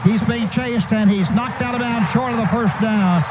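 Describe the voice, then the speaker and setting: This American radio play-by-play announcer calls a live football game in short, urgent, staccato bursts. His voice is high and his pace moderate, and the broadcast sounds noisy, dull, and lo-fi.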